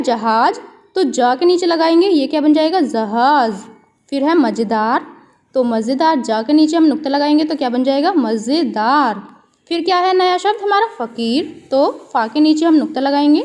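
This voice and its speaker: A woman with a high voice teaching young children from a worksheet. She asks simple questions, answers them herself and spells words out slowly, letter by letter. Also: a little mellow.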